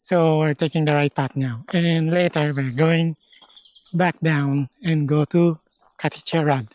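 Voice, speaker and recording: A man from the Philippines vlogging a forest hike, explaining things slowly in short halting phrases, sometimes out of breath. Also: a little high, steady tone, a little mellow, no echo. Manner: slow, halting, explains step by step. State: out of breath at times. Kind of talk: casual hiking vlog. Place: outdoors on a forest trail.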